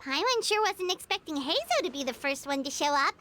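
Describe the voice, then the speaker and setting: A woman voicing a tiny, excitable female companion sprite who talks about herself in the third person, in bossy, teasing game dialogue. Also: high voice, brisk, slight background noise, heavily acted. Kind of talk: video game voice acting. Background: loud game music.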